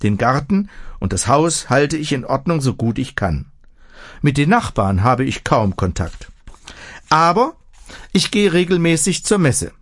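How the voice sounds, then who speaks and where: A man's voice: fairly high pitch, sing-song, measured pace, no room sound. A man voicing a plump old village woman who pants and chatters eagerly as she invites guests in. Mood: pious chatty. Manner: breathless, eager, pious chatter.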